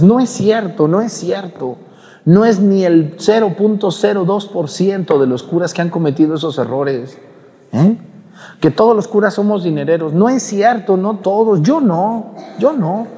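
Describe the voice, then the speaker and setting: Priest preaching in a long church reverb. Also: male voice, high voice, a little mellow. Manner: conversational preaching, acting out quoted parishioners. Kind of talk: homily at mass.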